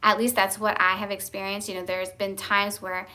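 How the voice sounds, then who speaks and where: A woman's voice: medium pitch, flat delivery, normal speed, sharp tone. A young woman, a homeschooling mom, chatting candidly from home and laughing now and then as she tells family stories. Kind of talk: casual chat.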